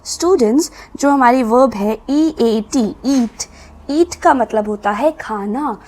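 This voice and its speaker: A woman teaching a children's poem, reading the English lines slowly and explaining them in Hindi. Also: a little high, a little mellow, poor audio.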